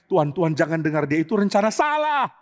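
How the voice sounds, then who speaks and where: A man's voice: a little high, very animated, fairly quick, big-room sound. A pastor voicing a cunning male royal advisor who urges attack, with a raised, insistent voice. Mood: urgent.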